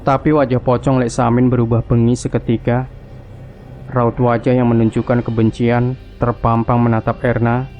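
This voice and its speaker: A man narrating a scripted horror story in a hushed, creeping, suspenseful manner. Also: medium pitch, level tone, moderate pace, highs cut off, faint music behind.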